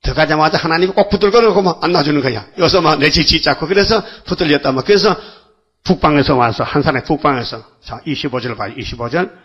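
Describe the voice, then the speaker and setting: A man's voice: fairly high pitch, fast, husky, lo-fi sound. An older man preaching a dawn worship sermon, folksy and full of rhetorical questions to the congregation. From South Korea. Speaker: pastor.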